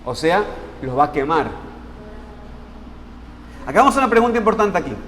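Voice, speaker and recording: A man preaching a sermon as pastor. He asks the congregation questions and answers them himself, and he slows down to stress key words. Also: high-pitched, sing-song, a bit bright. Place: church sanctuary. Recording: long reverb in a church hall, faint noise.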